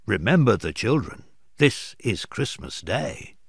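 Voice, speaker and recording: A man reading aloud voices a gentle, timid poor clerk and father, speaking softly and pleadingly. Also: on the low side, very animated, measured pace, vocal fry, breathy edge, dry recording, clean studio sound, full character voice.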